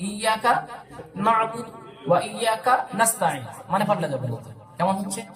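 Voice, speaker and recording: A man with a fairly high voice teaches tajweed in a roomy, echoing space. He chants each phrase slowly and deliberately, then switches to brisk spoken explanation. He speaks with a Bangladeshi Bengali accent. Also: lively intonation, a crowd in the background. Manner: drawn-out slow recitation alternating with quick explanation. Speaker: Quran recitation teacher. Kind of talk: tajweed lesson with slow demonstrations.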